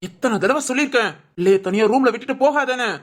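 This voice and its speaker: A voice actor playing an angry young husband in a cartoon, scolding his wife in a sharp, bossy way. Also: mid-range voice, fast, noisy background, natural voice. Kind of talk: cartoon voice acting.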